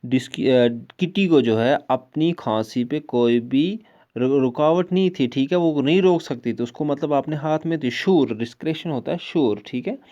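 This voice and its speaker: A male teacher with a Kashmiri accent reads English prose lines slowly, then explains each one at length, often checking in with "okay?". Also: mid-range voice, dark tone, muffled recording. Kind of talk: explaining an English prose lesson in Hindi-Urdu.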